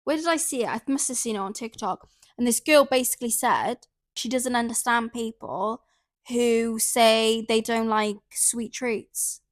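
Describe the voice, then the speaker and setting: A woman's voice: fairly high pitch, a little slow, dry recording. A young woman hosting a podcast, talking casually at home, ranting animatedly and swearing freely as she overshares. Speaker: podcast host.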